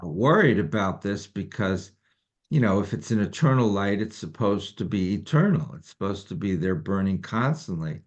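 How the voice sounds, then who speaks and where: Low-voiced man leading a study group. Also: normal speed. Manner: relaxed, rambling with many fillers. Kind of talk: informal teaching talk. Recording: dull lo-fi recording.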